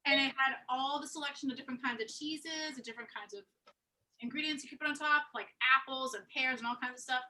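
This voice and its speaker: A woman's voice: sits high, quick pace, pushed and bright. A woman hosting a live online cooking class, bubbly and gushing with praise.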